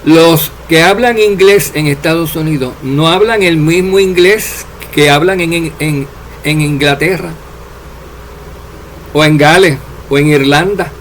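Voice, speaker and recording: A man preaching a sermon, addressing his listeners directly and letting his voice drop low and soft at the ends of phrases. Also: measured pace, slight background noise. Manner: addresses listeners as dear servants, drops voice at endings.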